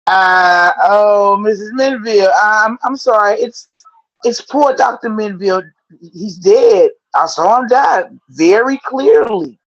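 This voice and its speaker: A woman's voice: lowish voice, expressive, slow pace, dry recording, muffled recording. A woman doing a stammering, flustered Tony. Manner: stammering, broken English. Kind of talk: amateur script read.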